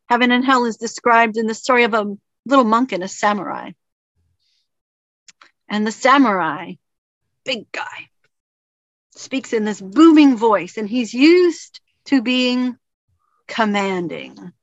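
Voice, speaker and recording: A woman's voice: on the high side, fairly bright tone, no echo. A woman minister giving a reflective sermon in an earnest storytelling manner. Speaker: spiritual minister and teacher. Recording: dull lo-fi recording.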